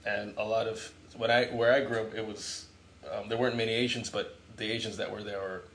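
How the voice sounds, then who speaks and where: A man's voice: on the low side, level tone, brisk, fairly bright tone. A man interviewing a guest in a casual, rambling way, full of fillers. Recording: faint background noise.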